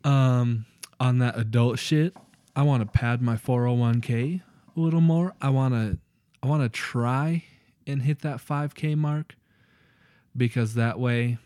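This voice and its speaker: There's no room sound behind this young man's unhurried, mid-range voice, which has a dark tone. As a podcast co-host, he loosely chats through his new year goals, cursing freely and often breaking into laughter.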